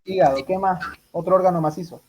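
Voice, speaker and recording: A man's voice: high-pitched, fast, very noisy. A man runs an exam review for medical students. He fires questions at the class and repeats each answer back to them. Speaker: medical tutor.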